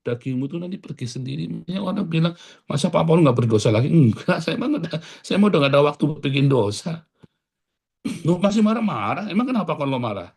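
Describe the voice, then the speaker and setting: A male pastor delivering a sermon in an animated way. He swings from loud, raised lines to soft, quiet asides. Casual street slang slips into his preaching. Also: on the high side, fast talker, gravelly, slightly rough.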